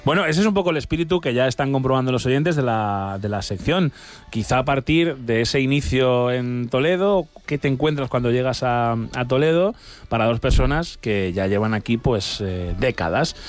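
A man's voice: mid-range voice, animated, moderate pace. A man hosting a radio segment in a studio, playful, steering the talk with prompting questions. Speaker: radio host.

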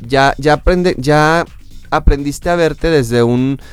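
A Mexican therapist talking as a guest in a casual chat, explaining calmly with examples and fillers. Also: male voice, fairly high pitch, slow, clean tone, faint music behind. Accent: Mexican Spanish.

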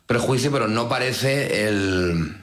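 A man chatting casually in a studio, deadpan and rambling, often restarting his sentences. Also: mid-range voice, takes it slowly. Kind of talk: casual comedic chat. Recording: roomy echo.

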